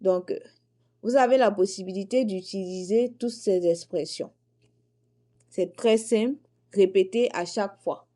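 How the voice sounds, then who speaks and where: Woman, young adult, French teacher for beginners; slow, patient repetition, mellow tone. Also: mid-range voice. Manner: slow, deliberate, repeats each phrase for learners. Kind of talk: beginner language lesson.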